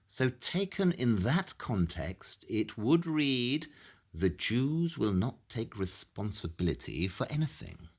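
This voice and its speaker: An actor playing Sherlock Holmes, an incisive, self-assured Victorian detective who speaks in an analytical, pedantic way in an audio play. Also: male voice, mid-range voice, very animated, slow pace, fairly bright tone, husky, heavily acted. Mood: sceptical.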